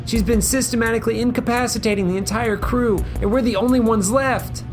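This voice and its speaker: A man's voice: extremely high pitch, fairly even intonation, brisk, over music. A man playing an earnest, anxious, deferential starship engineer in a comic sci-fi audio drama, polite but exasperated. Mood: urgent, worried.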